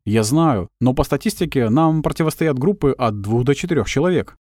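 A man voicing a young male agent in his twenties who asks plain, earnest questions at an unhurried pace. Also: medium pitch, animated, a little mellow, no echo, studio quality, close to an everyday voice. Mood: curious.

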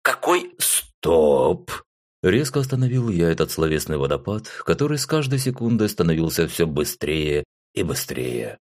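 A man's voice: low voice, very animated, brisk, hardly any pauses, a little mellow. A man reading a first-person fantasy audiobook in a wry, sighing tone. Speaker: audiobook narrator.

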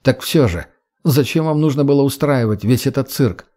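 A man's voice: medium pitch, lively intonation, moderate pace, mellow, natural voice. A man voicing a blunt, cocky teenage boy. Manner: blunt, offhand. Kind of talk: audiobook character voice.

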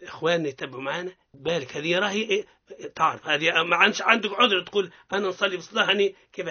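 A man with a Tunisian accent teaching Quran recitation on the radio. He explains step by step and models sounds slowly for listeners to repeat. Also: sits high, pushed and bright, slightly rough. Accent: Tunisian Arabic. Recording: dull lo-fi radio recording.

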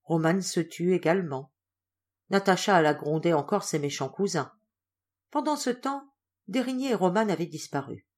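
A woman reads a classic novel aloud as an audiobook narrator. Her delivery is clear and expressive. Her pitch moves freely through each sentence. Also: normal speed. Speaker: audiobook reader. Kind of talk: scripted narration.

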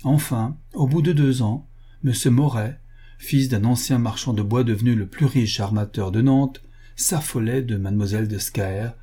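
Male audiobook narrator, measured and steady, warm husky timbre. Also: medium pitch.

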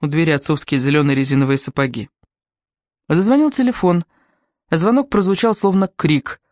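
An audiobook reader narrating a thriller in a tense, even manner. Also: mid-range voice, moderate pace, dry recording, studio quality. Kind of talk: scripted narration.

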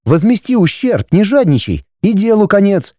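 A man voicing a haughty, scornful aristocratic wife and mother in an audiobook, raising his voice into a high, dismissive tone. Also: very animated, moderate pace, warm tone, no room sound, clean studio sound. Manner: shrill, dismissive, indignant.

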